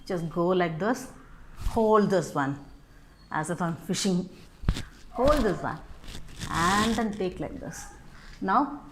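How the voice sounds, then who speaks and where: A woman walks through a hands-on demonstration at an easygoing, slow pace, breaking her instructions into short steps. She often adds a questioning "no?" at the end of a phrase. Clear noise sits behind her voice, with a dog heard now and then. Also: lowish voice. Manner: unhurried step-by-step instructions with frequent "no?" tags. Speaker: scarf styling tutorial host. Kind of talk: casual how-to demonstration.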